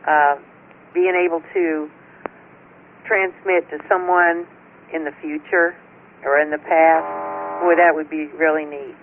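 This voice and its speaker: A woman's voice: low-pitched, fairly even intonation, slow pace, long pauses, phone-quality sound. A woman checking in on an amateur radio net, chatting in a folksy, familiar storytelling way over two-way radio. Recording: thin radio transmission with faint static.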